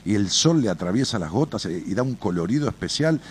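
Man, Argentine accent, radio advice host, blunt and salty, very expressive pitch, faint background noise. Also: fast talker. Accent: Argentine Spanish. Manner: blunt and colloquial, swears freely; animated storyteller, addresses listener directly. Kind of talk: advice talk with storytelling.

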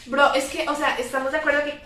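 A woman's voice: high voice, level tone, quick pace, sharp tone. A young Costa Rican woman chatting casually on a podcast, laughing often and mixing English slang into her talk. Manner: laughing, Spanish-English code-switching slang. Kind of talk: casual chat. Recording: echoey room, far from mic.

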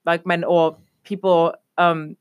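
Her voice low-leaning, smooth, and slow with a flat delivery, a young German woman rambles through a casual podcast chat as co-host. She leans on stock fillers like "obviously" and "a whole thing."

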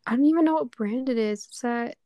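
A young woman co-hosting a podcast in casual chat, relaxed and agreeable. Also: a little high, fast, no room sound. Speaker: podcast co-host.

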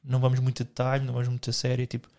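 A man's voice: medium pitch, monotone, very fast, warm tone. A young man with a European Portuguese accent, co-hosting a podcast in rambling, joking casual chat full of slang. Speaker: podcast co-host.

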